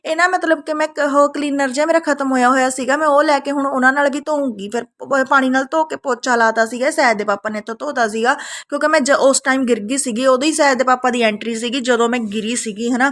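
Tired, chatty high-voiced woman vlogger. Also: fairly even intonation, fast talker, a bit bright. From Punjab. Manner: chatty, tags sentences with "hanna". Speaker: family vlogger. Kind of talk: casual home vlog chat and voice-over.

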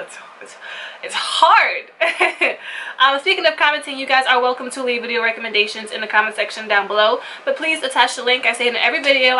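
A woman hosting a casual dance reaction video, cheering excitedly at moves and chatting to viewers with lots of repeats and restarts. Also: sits high, a little hiss or hum, rough recording.

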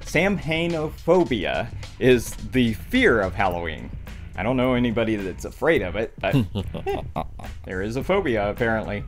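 A man's voice: on the low side, sing-song, moderate pace. A middle-aged man presenting a video game show casually to camera, with tongue-in-cheek horror-host flourishes. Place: small dark indoor room. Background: guitar music.

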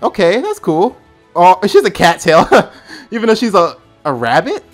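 A man casually commentating his gameplay on stream, excitable, with loud outbursts, swearing and frequent laughs. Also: high-pitched, moderate pace, faint music behind.

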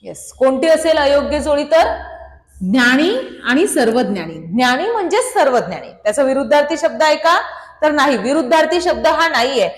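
Woman teacher with a Marathi accent, high voice, repeats her questions. Roomy, reverberant sound. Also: lively intonation, normal speed. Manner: quizzes students, reads options, praises by name. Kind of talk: online exam-prep lesson. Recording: echoey room with long reverb.

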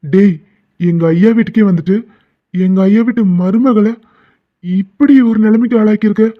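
A man voicing a loyal village servant in a cartoon, rough and threatening. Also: sits high, normal speed, phone-quality sound, natural voice. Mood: furious. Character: gruff loyal male servant of a village household.

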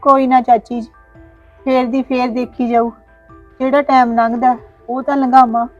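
ਉਦਾਸ ਵਿਆਹੀ ਕੁੜੀ, ਇੱਕ ਔਰਤ ਵੱਲੋਂ, ਰੋਣਹਾਕੀ, ਪਿੱਛੇ ਹਲਕਾ ਸੰਗੀਤ. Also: female voice, sits high, level tone, normal speed, a little mellow, muffled recording, soft background music, lightly acted. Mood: complaining. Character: unhappy young married daughter-in-law, tearful. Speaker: actor. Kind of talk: Punjabi web drama acting.

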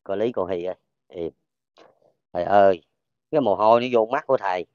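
A man with a Southern Vietnamese accent, a folk healer talking casually as he works, checking for pain and cheering loudly. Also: low voice, a little fast, clean tone, dry recording, lo-fi sound. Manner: keeps checking for pain, loud cheerful exclamations. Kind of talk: casual talk while treating a patient.

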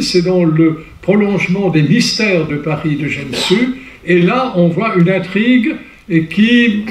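An older man gives a public lecture, taking his time and lending the tale lively, storytelling feeling. His voice sits a little high for a man. He is picked up from some way off in a reverberant hall. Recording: roomy hall, mic at a distance.

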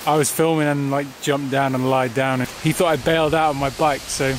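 A tired young man, a touring cyclist, chatting casually to his camera outdoors by a highway and laughing often. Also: flat delivery, fairly quick, a little hiss or hum. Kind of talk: casual video diary.

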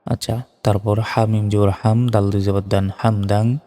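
A man teaching prayer pronunciation, spelling words out letter by letter and drawing the recitations out slowly. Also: on the low side, little pitch movement, mellow, long reverb tail. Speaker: religious teacher. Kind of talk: instructional lesson on prayer pronunciation.

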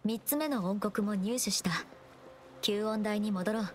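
A woman voices a game protagonist, a young female wanderer who explores and solves puzzles, thinking aloud in a calm, focused, quietly musing way. Her mid-range voice is measured and composed, lightly acted, with game music playing over it and a little hiss or hum.

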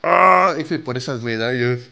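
A young man with a Mexican Spanish accent giving casual, excitable commentary over a mobile game, yelping, groaning and swearing as he spends in-game currency. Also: medium pitch, a little slow, heavy background noise. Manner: excitable, nervous, yelps and groans, swears freely.

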